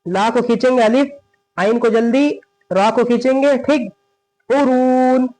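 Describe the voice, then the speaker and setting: A man teaching Quran recitation step by step, drawing out each word slowly and then explaining quickly, often correcting with "not like this". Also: very high-pitched, darkish tone, rough recording. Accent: Hindustani.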